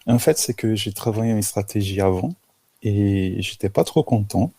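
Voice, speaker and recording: Brazilian man with a gravelly voice. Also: lowish voice, animated, dark tone, no echo. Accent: Brazilian Portuguese. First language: Portuguese. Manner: halting, many restarts and fillers. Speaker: guest photographer. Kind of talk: casual interview talk.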